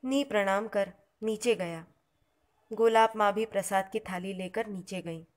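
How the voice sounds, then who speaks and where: A woman reads a devotional story aloud as the narrator. She is calm and measured, and she speaks at a very slow, deliberate pace. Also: mid-range voice.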